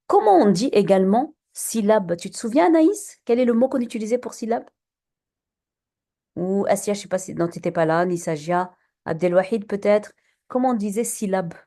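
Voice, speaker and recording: A woman teacher leads a poetry lesson in a classroom, her voice mellow and warm. She talks patiently, keeps quizzing her students and fills pauses with many hesitations and restarts, heard through a recorder in the room. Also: medium pitch, lively intonation.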